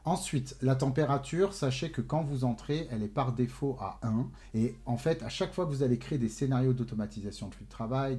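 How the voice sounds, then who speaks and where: A man with a mellow, relaxed tone walks viewers through software on his screen. He explains patiently, dropping casual fillers and checking in with his listeners, recorded at a desk mic in a home office. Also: mid-range voice. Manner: explanatory, frequent "d'accord" and "bah" fillers, addresses viewers directly. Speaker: tech tutorial host. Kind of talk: screen-share tutorial. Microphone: desk mic with webcam.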